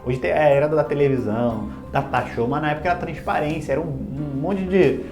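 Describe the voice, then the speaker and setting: Um homem, professor de música, contando de forma descontraída e bem-humorada uma história pessoal, zombando de si mesmo. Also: male voice, on the high side, brisk. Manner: animated, self-mocking and humorous. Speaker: music teacher. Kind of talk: casual personal storytelling. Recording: echoey room with faint music.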